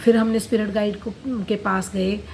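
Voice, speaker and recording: A woman's voice: mid-range voice, little pitch movement, moderate pace, gravelly, a little mellow, slight background noise, low-quality recording. A woman therapist telling the story of a client's past-life regression session, quoting the client and herself in turns.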